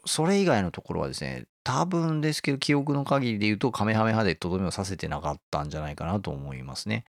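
A man's voice: on the low side, sing-song, fast talker, no room sound, clean studio sound. A man hosting a casual talk, explaining a favourite manga and often chuckling as he goes. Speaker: host.

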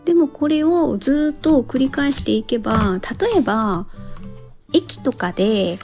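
Woman podcast host, relaxed chatty solo talk, lots of little pauses, soft music low behind her. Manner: relaxed and chatty, thinks aloud with many pauses.

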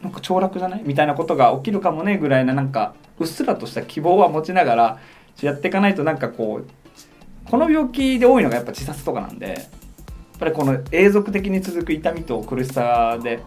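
A man from Hiroshima, a podcast guest, speaking in relaxed casual conversation and hedging with lots of fillers. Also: on the high side, fast, faint music behind. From Hiroshima, Japan. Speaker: guest, professional gamer.

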